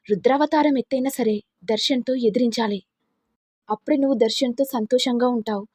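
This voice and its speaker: Woman reading a calm elder woman, gently advising, husky voice, dry close sound. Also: fairly high pitch, no room sound.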